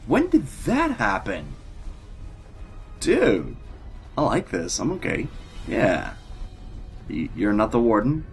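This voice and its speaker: A man with a fairly low, lively voice talks through a game casually. He takes his time and grumbles sarcastically at the characters, with faint music behind him. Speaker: gamer doing a playthrough. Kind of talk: casual gameplay commentary.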